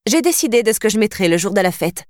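A woman's voice: medium pitch, big pitch swings, fast talker, darkish tone, dry recording, studio quality, close to an everyday voice. A woman voicing a haughty elder princess who scolds and gives orders in an audiobook. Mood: commanding. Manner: cold, scolding, commanding. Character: haughty elder princess sister, stern and reproachful.

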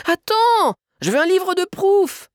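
A cheerfully blunt little girl squeals every line in a very high, stretched-out voice, a man putting her on. It is a storybook reading with a dry, close sound. Her pitch leaps wildly. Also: big pitch swings, dry recording, full character voice. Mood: gleeful. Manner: shrill, squealing, drawn-out. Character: little girl, about seven, gleefully blunt.

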